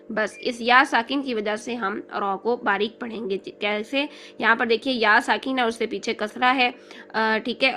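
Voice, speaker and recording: A woman's voice: on the high side, bright, forceful tone, a little hiss or hum. A woman teaching Quran recitation rules in an online lecture, explaining step by step and checking in with listeners.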